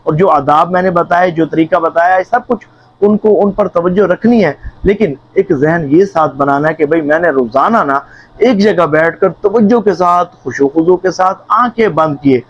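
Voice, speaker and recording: A man's voice: on the high side, highs cut off. A man preaching earnestly to viewers as a religious speaker, repeating phrases for emphasis.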